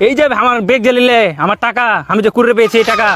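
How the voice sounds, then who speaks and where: Man acting a crafty high-voiced schemer. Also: fairly even intonation, rapid-fire. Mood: indignant. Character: crafty, scheming man hiding corpses and fooling a drunkard. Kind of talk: amateur comedy skit acting. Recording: loud music over dialogue.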